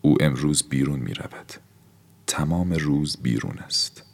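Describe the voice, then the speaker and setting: A man voicing a timid, evasive young woman who speaks softly, almost in a whisper, in an audiobook. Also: very deep voice, creaky, exaggerated voice. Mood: pleading. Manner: soft, hushed, near-whispered lines. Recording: long hall-like reverb.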